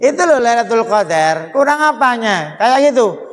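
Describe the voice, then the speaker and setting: A man preaching a humorous sermon, animated and joking, his tone swinging up and down. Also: very high voice, moderate pace. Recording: long hall reverb.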